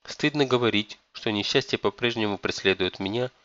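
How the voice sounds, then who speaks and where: A man voicing a weary, ashamed middle-aged mother who speaks softly and sadly. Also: on the low side, fairly quick, muffled recording, natural voice. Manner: soft, sorrowful.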